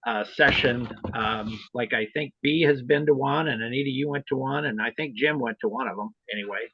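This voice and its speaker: Through muffled, roomy online meeting audio, a medium-pitched man with a breathy edge talks briskly. He runs an informal video meeting and trains volunteer club officers, his explanations hesitant and meandering.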